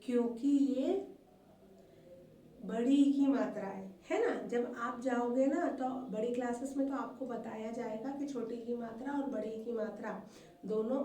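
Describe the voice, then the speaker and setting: A woman's voice: fairly high pitch, warm tone. A woman teaching a primary school language class in a recorded video lesson. She is patient and repetitive, asks the pupils questions and answers them herself, and calls them "beta". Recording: echoey room, voice far from the mic, faint hum.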